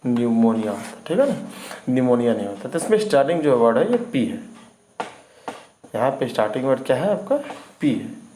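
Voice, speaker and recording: A man's voice: medium pitch, big pitch swings, fairly quick, long pauses, mellow, slight background noise, poor audio. A man teaching English vocabulary in an informal video lesson. He spells words out letter by letter and keeps checking in with his students.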